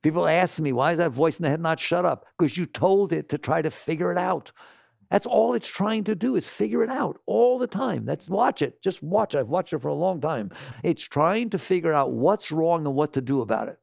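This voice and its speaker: A man giving an animated talk to an audience, scolding and asking rhetorical questions. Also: fairly high pitch, normal speed, vocal fry, no room sound, studio quality.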